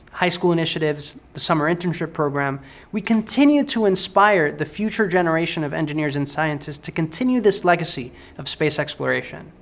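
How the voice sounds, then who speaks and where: A man from Ecuador, an engineer, speaking a quick, upbeat scripted video message. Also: fairly high pitch, fairly bright tone. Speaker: test and operations engineer.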